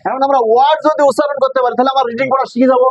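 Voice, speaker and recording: A man's voice: very high voice, steady tone, rapid-fire, dry recording, lo-fi sound. A man teaching a classroom English lesson, mixing English and Bengali and drilling students with call-and-response questions.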